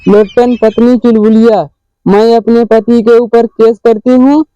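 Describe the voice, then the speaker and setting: A man with an Awadhi accent playing a policeman in a rustic comedy sketch, giving gruff, bossy orders. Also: extremely high pitch, fairly even intonation, a little slow, mellow, no echo, dull audio, faint music behind. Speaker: comic actor playing a policeman.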